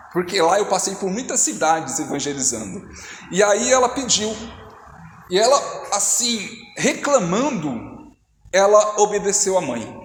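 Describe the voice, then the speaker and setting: Brazilian male preacher, high voice, storytelling sermon, big reverberant hall. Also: slight background noise. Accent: Brazilian Portuguese. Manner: storytelling, quoting prayers, rising to exhortation. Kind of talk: sermon with testimony. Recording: echoey hall with long reverb.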